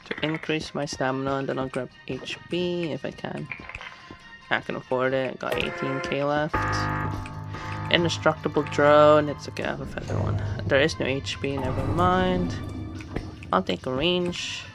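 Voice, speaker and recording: A man casually commenting on his solo game stream, rambling and correcting himself as he goes. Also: on the high side. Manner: rambling, self-correcting, chatty. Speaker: gamer streaming solo play. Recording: game music behind the voice.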